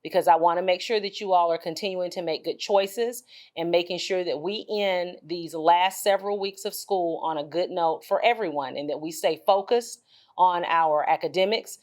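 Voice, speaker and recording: Female school administrator, slightly low register, firm and emphatic, deliberate informal announcement delivery. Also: darkish tone. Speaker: school administrator addressing students.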